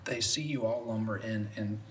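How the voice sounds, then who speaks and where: A man narrating as game master of a tabletop game, describing monsters in a relaxed, chuckling way. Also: fairly low pitch, moderate pace. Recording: roomy, distant mic, faint noise.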